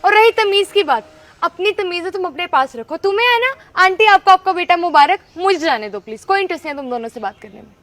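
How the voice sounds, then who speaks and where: A woman's voice: extremely high pitch, lively intonation, quick pace, a bit bright. A woman playing a rude, arrogant young woman who mocks and insults her elders in a short acted skit. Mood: contemptuous. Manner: sneering, mocking. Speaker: rude ex-girlfriend.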